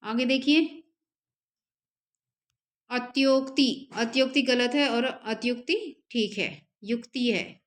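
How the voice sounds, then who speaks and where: A woman teaching an exam-prep spelling lesson, repeating each word slowly and carefully so students can copy it down. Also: on the high side. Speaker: Hindi teacher.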